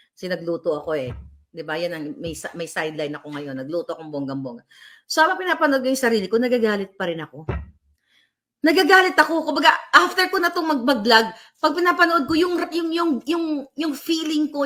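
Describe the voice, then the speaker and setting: A woman's voice: medium pitch, a bit bright. A middle-aged woman vlogging live to her viewers, speaking in fiery bursts that mix Tagalog and English and reading out viewer comments. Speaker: political vlogger. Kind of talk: live-stream chat with viewers. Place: abroad, at home.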